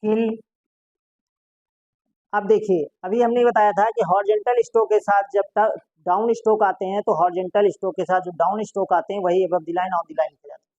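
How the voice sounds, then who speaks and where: A woman teaches a classroom-style lesson at a middle pitch. She keeps asking her class questions and answering them herself. The recording is dry and close, with a dull, lo-fi tone. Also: fairly even intonation, fairly quick, a little mellow, dry recording. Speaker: shorthand teacher.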